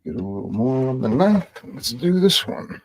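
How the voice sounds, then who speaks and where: A man teaching painting on a livestream in a gentle, husky, gravelly voice, murmuring short instructional phrases as he works. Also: medium pitch, sing-song, moderate pace. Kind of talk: painting tutorial livestream, talking while working.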